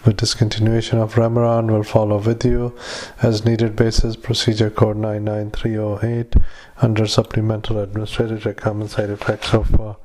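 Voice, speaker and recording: Flat-voiced male doctor on a dictaphone recording. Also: lowish voice. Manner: halting, many fillers and self-corrections. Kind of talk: medical dictation.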